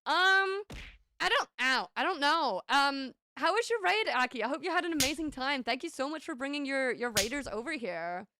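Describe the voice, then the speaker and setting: A young UK woman who streams and makes VTuber art talks casually and playfully with her viewers, reading their messages. Her high, sharp voice moves at normal speed with lively intonation, and there's no room sound. She comes across as bubbly, giggly and playfully sassy, her light British accent partly American-sounding.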